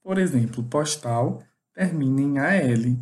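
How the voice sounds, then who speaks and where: A teacher, giving a grammar lesson and explaining slowly, repeating each example. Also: mid-range voice, lively intonation, a little mellow.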